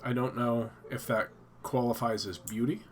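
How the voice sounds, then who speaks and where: A man's voice: medium pitch, steady tone, normal speed, a little hiss or hum. A man hosting a casual live stream from his home office, stuffed up and thinking aloud with many fillers and restarts.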